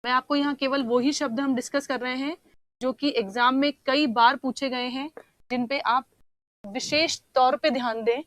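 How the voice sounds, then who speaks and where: A woman's voice: high voice, fairly even intonation, normal speed, fairly bright tone, dry recording. A woman teaching a Hindi language lesson for exam preparation, patiently explaining each answer and repeating key words. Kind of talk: online exam-prep lesson.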